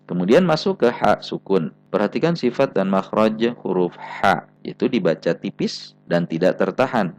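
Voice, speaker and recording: A man's voice: lowish voice, darkish tone, dry recording. A man with an Indonesian accent teaching Quran recitation, patiently repeating example sounds with careful stress. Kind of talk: slow spelled-out recitation lesson.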